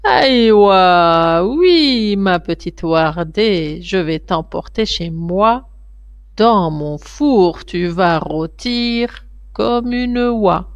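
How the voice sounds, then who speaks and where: Storybook ogress, old and scheming, sweet-talking then menacing, slow and swooping, voiced by a woman reader. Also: medium pitch, animated, no room sound. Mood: gloating. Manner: wheedling then menacing, drawn-out words.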